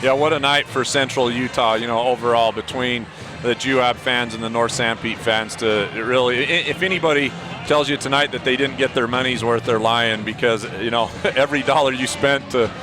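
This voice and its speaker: A man's voice: mid-range voice, moderate pace, over music. A man doing color commentary after a basketball game, out of breath, talking in long rambling sentences full of "you know". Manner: rambling, many you-knows, excited. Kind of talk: postgame sports commentary.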